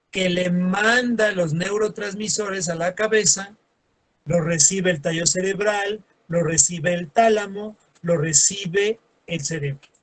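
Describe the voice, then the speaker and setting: A man teaching a lesson, acting out everyday scenes in quoted voices and adding sarcastic asides. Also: sits high. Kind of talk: classroom lecture.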